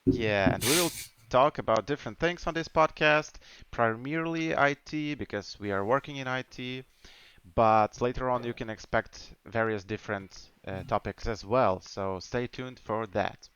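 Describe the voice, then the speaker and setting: A man's voice: medium pitch, moderate pace, a bit bright, smooth, muffled recording. A man in his twenties from Ukraine, in English, hosting a casual podcast chat. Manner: chatty, nonnative English with restarts. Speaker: podcast host.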